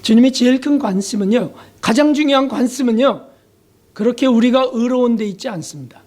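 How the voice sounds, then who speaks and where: Man preaching a heartfelt sermon, confessional tone, dramatic pauses and soft trailing endings. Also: very high voice. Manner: asks the congregation rhetorical questions. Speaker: pastor.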